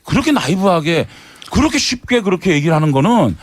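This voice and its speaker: A man's voice: high-pitched, big pitch swings, fast. A man playing a needling debate candidate. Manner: pointed, needling questioning. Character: man speaking as a presidential candidate. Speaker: debate panelist. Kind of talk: mock debate role-play.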